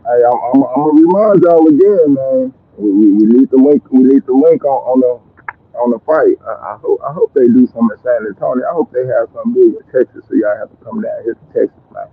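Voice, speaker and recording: A man's voice: mid-range voice, fairly quick, breathy edge. A man calling into a casual podcast from home over Bluetooth earbuds, his voice warbling and cutting out as the internet drops. He talks loose and slangy and swears freely. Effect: warbly, dropping internet call audio. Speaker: remote call-in panelist. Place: remote home setup in Texas. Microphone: Bluetooth earbuds on a call. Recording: tinny phone-like call line.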